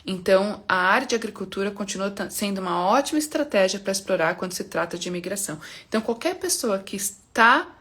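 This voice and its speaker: A woman answers viewers' questions on a live stream about immigration. She explains things patiently and reassuringly, checking in with little tag questions, and her voice sits at a middling pitch. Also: lively intonation, quick pace, fairly bright tone, slightly rough. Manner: explanatory, reassuring, frequent "né?" and "tá?" tags. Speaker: immigration consultant.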